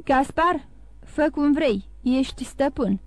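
A woman's voice: sits high, expressive, darkish tone, dry recording, voice pushed up. A woman voicing a fearful, anxious innkeeper's wife with a muffled voice in an audiobook. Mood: wary.

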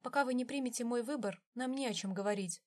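A woman's voice: on the high side, fast talker, lightly acted. A woman voicing a desperate young woman who pleads through tears and then stands firm in her choice. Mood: resolute. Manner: pleading, tearful.

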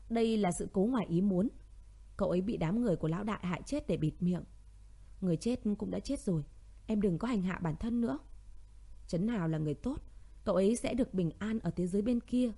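A woman voicing a young man who gently consoles his grieving younger sister, in a narrated audio story. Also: mid-range voice, brisk, vocal fry, breathy edge. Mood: consoling.

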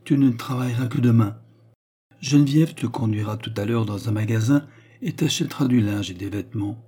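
A man's voice: medium pitch, fairly quick, dark tone, breathy edge, close to an everyday voice. A man reading an audiobook, voicing a tender but impetuous woman who protects her younger sister. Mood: kindly. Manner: tender, then fiercely protective. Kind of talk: audiobook character voice.

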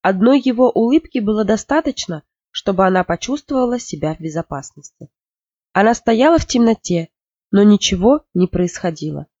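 A narrator reading a novel aloud in an expressive storytelling manner. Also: mid-range voice, normal speed, no echo. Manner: expressive storytelling, lifting for emotional moments. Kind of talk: audiobook narration. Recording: dull lo-fi, dry.

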